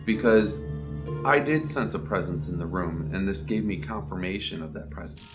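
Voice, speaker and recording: A man's voice: low-pitched, normal speed, highs cut off. A man giving earnest, pleased interview commentary. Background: music.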